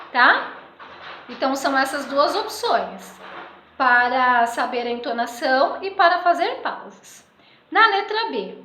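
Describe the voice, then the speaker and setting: A woman teaching a remote school lesson, patiently checking in with her pupils and reading example sentences aloud with lively expression. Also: high-pitched, echoey room, low-quality recording. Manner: patient, checks in often with "tudo bem?". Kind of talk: remote school lesson going through exercises.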